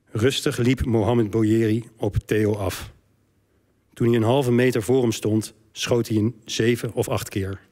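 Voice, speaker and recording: Low-voiced man reading a passage aloud. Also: a little mellow. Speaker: author reading from his biography. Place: debate hall on stage.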